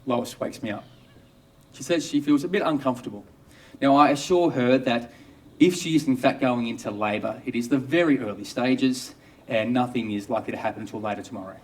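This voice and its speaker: A man's voice: medium pitch, brisk, a little mellow, recorded from a distance. Wry Australian man telling his story. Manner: wry, dry humour. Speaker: obstetrician. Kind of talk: first-person storytelling monologue.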